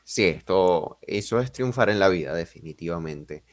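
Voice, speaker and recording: Low-voiced Venezuelan man hosting a podcast. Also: animated, normal speed, no echo. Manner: reflective, chatty, self-deprecating humor. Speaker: podcast host. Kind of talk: casual interview chat.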